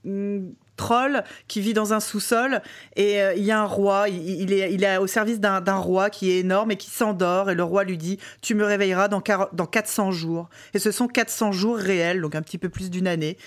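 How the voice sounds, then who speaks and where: A woman's voice: medium pitch, fairly even intonation, moderate pace. A woman joins a casual gaming discussion as a co-host. She talks eagerly and chattily, in an easy, natural, conversational way. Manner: enthusiastic, chatty.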